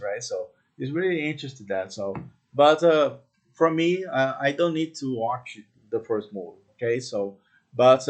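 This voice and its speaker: Man, movie vlogger, hesitant simple English with constant "right?" checks, average pitch. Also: a little mellow. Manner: halting, many fillers, tags sentences with "okay?" and "right?". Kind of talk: casual unscripted review talk.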